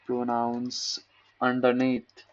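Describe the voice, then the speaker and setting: A man's voice: mid-range voice, monotone, drawn-out words, muffled recording. A man talking casually through a programming article, rambling, making fun of himself and repeating words to practice saying them. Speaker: programmer reading a tech post. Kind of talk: casual screen-recorded coding talk.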